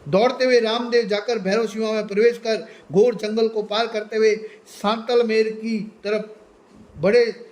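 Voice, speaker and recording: A man's voice: high voice, little pitch movement, a little slow, darkish tone. A man narrating a devotional legend with reverence, speaking the characters' pleading lines himself. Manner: reverent, voices characters' pleas. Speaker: storyteller.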